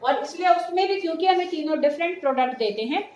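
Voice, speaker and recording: A woman's voice: sits high, animated, quick pace, darkish tone. A woman teaching chemistry to a class, often checking that the students follow and calling them "beta". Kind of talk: classroom lecture mixing Hindi and English terms. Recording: echoey room with faint noise.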